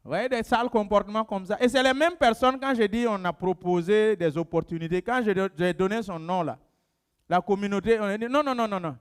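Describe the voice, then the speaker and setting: A man preaching a sermon as pastor of his church, emphatic and repetitive, often acting out members of his congregation in a lowered voice. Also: fairly quick, clean tone. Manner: emphatic, repeats phrases for stress.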